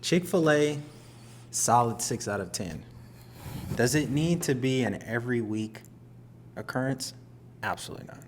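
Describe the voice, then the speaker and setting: A young man chatting casually with his partner on a podcast, with dry, teasing remarks and frequent laughter. His pitch sits in a middling range, neither deep nor high. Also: expressive, normal speed, pauses often, a little hiss or hum. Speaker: podcast co-host. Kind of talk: casual couple chat.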